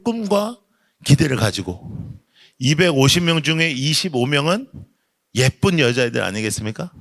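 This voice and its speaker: A middle-aged man preaches to a youth camp, spinning a comic personal tale and acting out the voices in it. His voice sits at an ordinary middle pitch. The sound is dry and close, with little room around it. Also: no echo. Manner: storytelling, lively and humorous, acting out voices. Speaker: pastor. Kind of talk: sermon.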